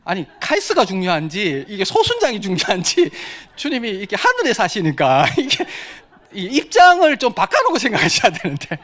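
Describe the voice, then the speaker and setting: A middle-aged man preaching a personal testimony, swinging from quiet murmurs to loud exclamations with frequent laughter. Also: high-pitched, wildly swooping pitch, fairly quick. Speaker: missionary preacher. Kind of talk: sermon testimony.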